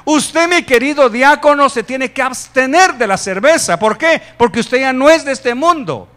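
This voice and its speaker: Guatemalan preacher, high male voice, lively sermon with punchy emphatic peaks and humorous asides. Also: normal speed. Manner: animated preaching, rising loud for emphasis, joking asides. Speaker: pastor.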